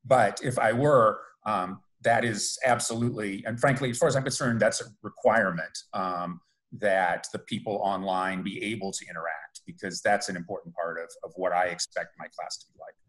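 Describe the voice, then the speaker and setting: A man speaking as a law professor, answering students informally in a deliberate, emphatic manner. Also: lowish voice, fairly even intonation, a bit bright, poor audio.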